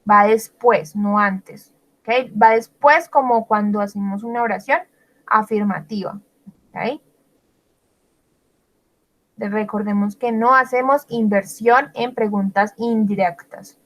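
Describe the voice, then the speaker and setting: Slow, patient bilingual woman teacher. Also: mid-range voice, fairly even intonation, low-quality recording. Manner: explains patiently, switching between Spanish and English, many check-ins; slows down to read out example sentences. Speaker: English teacher. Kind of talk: bilingual grammar lesson.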